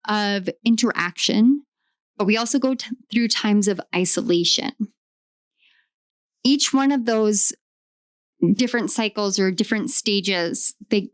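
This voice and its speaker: A woman giving a channeled tarot reading, talking with eager enthusiasm and often pausing to search for the right words. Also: medium pitch, dry recording, clean studio sound. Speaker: tarot reader.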